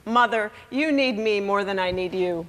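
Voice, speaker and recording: A woman's voice: mid-range voice, moderate pace, fairly bright tone, in a large hall, natural voice. A woman playing a tipsy grown daughter who is blunt, sardonic and cold toward her mother in a stage play. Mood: bitter. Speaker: actor.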